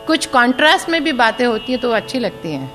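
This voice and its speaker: A woman who sings classical music, explaining its theory in a slow, explanatory way. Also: a little high, very animated, fairly bright tone. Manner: slow, explanatory, reciting drum syllables and sung notes. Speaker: classical vocalist and music teacher.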